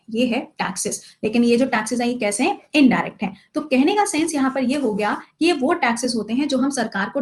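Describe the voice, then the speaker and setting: Female teacher, high voice, live online class, quizzes students and answers herself, playful scolding.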